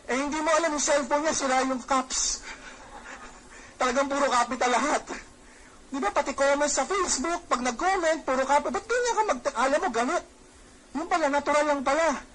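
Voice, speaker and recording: A middle-aged man with a high voice leads a Taglish training seminar. He talks in a lively way, throws questions at his listeners and slips into little acted-out exchanges. A faint hiss of noise sits under his voice. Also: a little fast, low-quality recording. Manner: lively, acts out quoted dialogue; asks the audience questions. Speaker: network marketing trainer.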